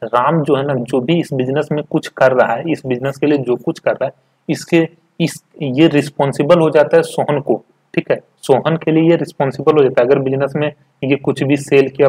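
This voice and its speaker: Husky-voiced man teaching a commerce class. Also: mid-range voice, steady tone, darkish tone. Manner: explains step by step with frequent "ठीक है" check-ins; reads English textbook lines slowly, then explains them in Hindi. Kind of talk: recorded classroom lecture.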